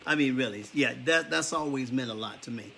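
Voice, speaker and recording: A man's voice: mid-range voice, brisk, vocal fry, sharp tone. A man co-hosting a casual faith-based marriage chat on a live stream, easygoing and affirming. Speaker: co-host, husband.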